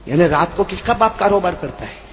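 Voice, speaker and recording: A man preaching to a live gathering. He jokes, quizzes the crowd, and swings between soft asides and shouts. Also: high-pitched, expressive, in a large hall, slight background noise. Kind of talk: lively storytelling sermon. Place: live religious gathering with a stage.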